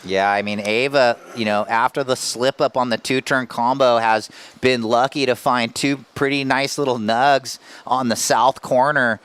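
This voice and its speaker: A man's voice: medium pitch, steady tone, normal speed, a bit bright, clear, resonant tone, no room sound. A man doing live surf contest commentary, calling scores and priorities in a laid-back, casual surfer way with slang.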